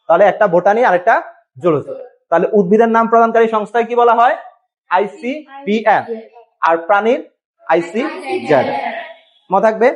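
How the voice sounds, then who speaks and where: A man's voice: high-pitched, muffled recording. A man teaching a biology class at a board, asking questions and answering them himself, and spelling words out. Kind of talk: classroom lesson.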